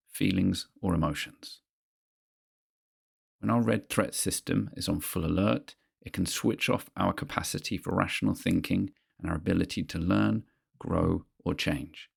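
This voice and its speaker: A man guides a therapeutic grounding exercise in mindfulness, his low voice heavily creaky and husky. He speaks in a measured way, pausing between short instructional phrases.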